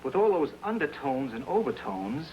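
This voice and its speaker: A man's voice: mid-range voice, big pitch swings, moderate pace, highs cut off, natural voice. An actor playing a jovial, absent-minded psychology professor who chuckles as he talks, in 1950s sitcom style. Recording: noisy old TV soundtrack, loud audience laughter.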